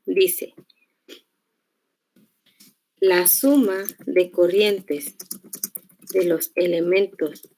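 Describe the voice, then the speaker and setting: A woman's voice: on the low side, fairly even intonation, darkish tone. A woman teacher giving a lecture, explaining step by step and checking in with her students. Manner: slow, patient explaining with check-in questions. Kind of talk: online class lecture on electric circuits.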